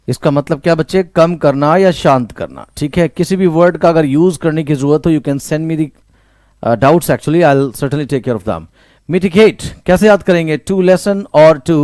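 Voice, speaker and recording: A man's voice: fairly high pitch, a little mellow, dry recording, clean studio sound. A man with an Indian English accent teaching vocabulary, repeating each word and quizzing the listener, mixing Hindi with English phrases. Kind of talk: online vocabulary lesson.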